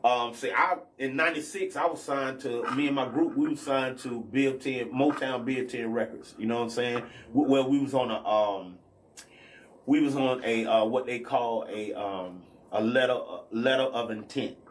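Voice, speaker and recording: A man's voice: medium pitch, normal speed, a little hiss or hum. A man, a guest R&B artist talking in a loose, rambling way, often stopping to check in with the listener. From Athens, Georgia, US. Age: 40s. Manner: rambling, peppers talk with "you know what I'm saying". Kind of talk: casual podcast conversation.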